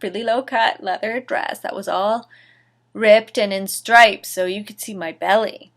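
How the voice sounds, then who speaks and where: A woman with a medium-pitched, somewhat bright voice hosts and reads a series. She performs fan fiction dramatically, with a sarcastic, theatrical manner and mocking asides.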